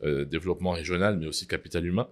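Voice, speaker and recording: A middle-aged man answering interview questions in a formal, measured way, often pausing on fillers. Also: low voice. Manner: measured, hesitant with frequent fillers. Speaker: interviewee, mining executive.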